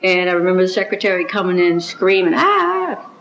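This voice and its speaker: A woman giving an oral history interview, recounting events in a measured, reflective way with small restarts. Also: on the low side, little pitch movement, slight background noise. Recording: roomy, dull-sounding recording.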